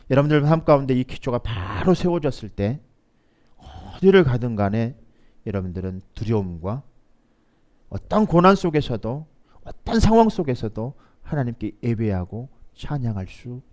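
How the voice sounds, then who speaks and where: A man preaching a Sunday sermon as pastor, moving between quiet asides and loud, emphatic rises, and calling on the congregation to repeat lines aloud. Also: medium pitch.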